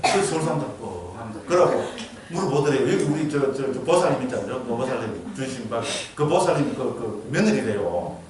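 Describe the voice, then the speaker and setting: A man's voice: mid-range voice, big pitch swings, fairly quick, few pauses, crowd noise. A man with a Gyeongsang accent, a monk giving a dharma lecture who keeps asking the audience questions and checking they follow. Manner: asks the audience questions, frequent 'geujyo?' checks. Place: temple lecture hall. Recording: echoey hall from far off.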